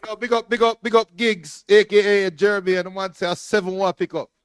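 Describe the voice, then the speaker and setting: A man co-hosting a football watch-along, joking around and shouting out viewers as the match goes on. His voice runs high, and the sound is dry and close. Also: flat delivery, fairly quick, smooth, no echo. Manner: jokey, reads out viewer shout-outs, laughs often.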